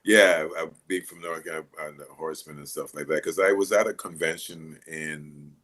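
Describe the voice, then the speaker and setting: A middle-aged man from Jamaica, raised in Maryland, chatting in an interview in a relaxed, rambling way with many fillers. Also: extremely low pitch, fairly quick. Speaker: actor guest. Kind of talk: casual interview chat.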